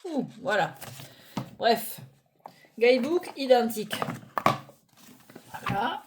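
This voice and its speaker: A woman reviewing tarot decks in a casual, hesitant chat, often pausing with fillers and laughing at her own clumsiness, recorded on a phone on a stand at home. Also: fairly high pitch, animated, noisy background. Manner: chatty, hesitant, self-deprecating, many fillers.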